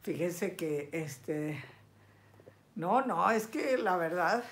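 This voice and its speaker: A woman's voice: fairly low pitch, expressive, very slow. A chatty, affectionate woman, reading viewer comments in a casual live vlog. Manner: chatty and affectionate, lots of diminutives and endearments.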